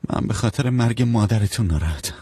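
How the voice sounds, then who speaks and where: An actor playing a widowed father who speaks calmly and firmly to his children, in a dubbed TV drama. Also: lowish voice, slightly rough, no room sound. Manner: calm, firm, gentle to his children. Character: grieving widowed father, calm and firm.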